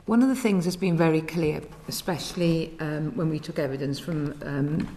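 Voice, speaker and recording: A woman's voice: sits low, moderate pace, warm tone, a little hiss or hum. A woman asking formal questions as a committee member, hesitantly searching for her phrasing.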